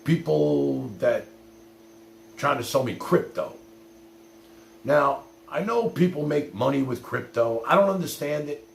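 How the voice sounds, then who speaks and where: Speaking to his livestream audience, this middle-aged man rambles bluntly through personal stories, swearing and dropping "you know" often. His pitch is fairly high and his tone gravelly, with lively intonation, a measured pace, and long pauses. Faint hum, noise, and roomy echo sit under the audio.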